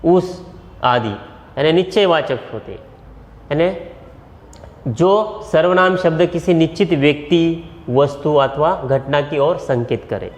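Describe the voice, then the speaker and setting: A male school teacher with a Marathi accent, giving a grammar lesson and repeating each example slowly, step by step. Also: fairly high pitch. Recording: echoey room with long reverb.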